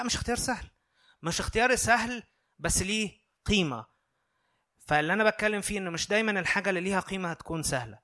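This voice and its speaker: An Egyptian preacher man with a high, bright voice. He talks earnestly and conversationally, often turning to his listeners, and his words come quickly. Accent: Egyptian Arabic. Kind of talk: sermon.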